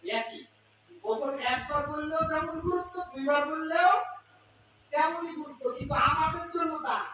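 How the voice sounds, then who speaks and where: A male preacher with a Bangladeshi Bengali accent giving a fiery sermon. He shouts rhetorical questions at the crowd and chants Arabic prayers melodically. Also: very high-pitched, moderate pace, slight background noise. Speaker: Islamic preacher. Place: religious gathering. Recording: echoey distant hall, lo-fi and dull.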